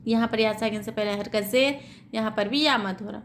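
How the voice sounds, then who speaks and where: A woman teaching tajweed, spelling out letters slowly and explaining the reading rules, checking in with "theek hai" as she goes. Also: fairly high pitch, slight background noise. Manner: slow, drawn-out syllable-by-syllable spelling.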